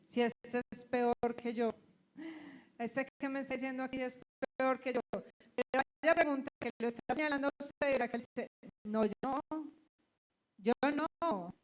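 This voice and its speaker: A woman's voice: high-pitched, normal speed. A middle-aged woman pastor with a Colombian accent, preaching a sermon and telling personal stories, acting out the voices of the people in them. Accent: Colombian Spanish. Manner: animated storytelling, acting out quoted voices.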